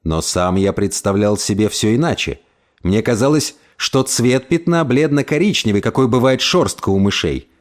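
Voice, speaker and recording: A man reading a first-person story aloud in an expressive narration. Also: medium pitch, normal speed. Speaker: audiobook reader.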